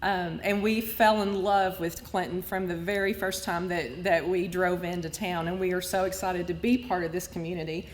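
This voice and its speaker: A woman's voice: fairly low pitch, steady tone, normal speed, few pauses, slight background noise. A woman in her fifties, tearful and openly emotional, giving an acceptance speech. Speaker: award recipient. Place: large event hall at a lunch. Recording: long hall reverb, faint room ambience.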